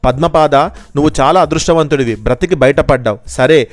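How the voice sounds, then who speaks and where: A man's voice: a little high, brisk, lightly acted. A man voicing a bold, greedy young fisherman. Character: young male fisherman, bold and money-minded.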